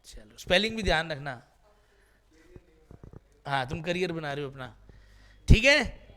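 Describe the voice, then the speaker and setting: A man's voice: a little high, animated, unhurried, bright, forceful tone, a little hiss or hum. A man teaching English vocabulary in a classroom, quizzing students with repeated questions in a playful way.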